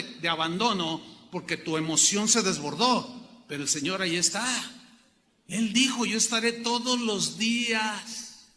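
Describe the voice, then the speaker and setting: A man's voice: sits high, big-room sound. A man pastor preaching a sermon with passion, now and then crying out quoted words. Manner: impassioned preaching, shouting out quoted cries.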